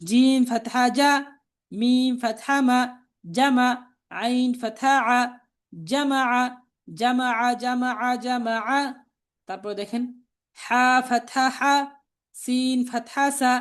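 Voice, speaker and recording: A woman with a Bangladeshi Bengali accent leads a patient spelling drill, naming each letter and vowel and repeating every syllable. Her voice sits high and she takes it slowly. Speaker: Quran reading teacher. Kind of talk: slow spelling drill lesson.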